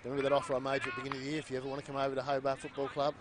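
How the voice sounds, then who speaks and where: A man's voice: medium pitch, completely flat delivery. A man with an Australian accent trading jokes as co-commentator at a school football match outdoors. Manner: quick, joking banter. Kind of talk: casual sports commentary. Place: outdoor sports ground. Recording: noisy outdoor livestream.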